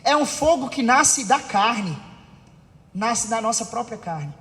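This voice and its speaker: A man's voice: very high voice, expressive, slow, pushed and bright. Man, preacher, acts out quarrels, calls on congregation, reverberant hall. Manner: acts out family quarrels with raised voice; asks the congregation for agreement. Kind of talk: sermon. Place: church. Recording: long reverb of a church hall.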